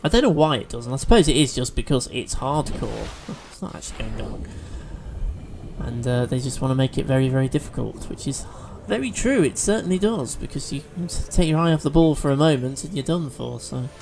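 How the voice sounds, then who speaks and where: A man's voice: medium pitch, lively intonation, brisk, creaky, a little mellow, a little hiss or hum. A man chatting through a video game as he plays, thinking aloud with fillers and restarts. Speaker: let's play host. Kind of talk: gameplay commentary.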